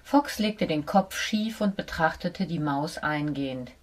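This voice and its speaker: A woman reading a children's story aloud as narrator, in a calm and even manner. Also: deep voice, unhurried.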